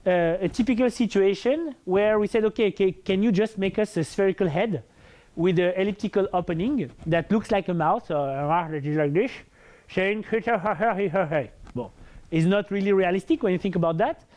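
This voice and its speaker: Speaking at a normal pace, a French-accented researcher delivers an academic lecture in a big, full voice that sits high and is a little mellow. He stumbles along hesitantly with plenty of fillers and restarts.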